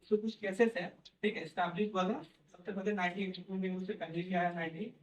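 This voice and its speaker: A man lectures to a classroom, talking through each point step by step and checking in with his students as he goes. His voice sits high for a man. He has no microphone, so he sounds distant and the room echoes around him. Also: steady tone, fast talker. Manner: explains step by step, repeats "theek hai" and "hai na". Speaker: teacher. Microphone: no microphone, far from the recorder.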